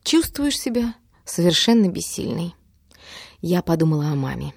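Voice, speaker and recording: Woman reading a diary-style audiobook, lowish voice, wry, dry close mic. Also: sing-song, normal speed, gravelly, a little mellow, breathy edge, no room sound. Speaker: audiobook narrator. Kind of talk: first-person diary narration.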